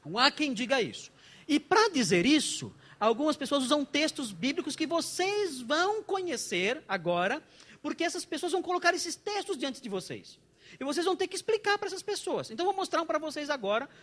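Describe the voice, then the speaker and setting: Animated Brazilian pastor preaching. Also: male voice, very high voice, brisk. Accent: Brazilian Portuguese. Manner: animated and joking, with frequent rhetorical questions. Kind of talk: conference sermon lecture. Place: church conference hall.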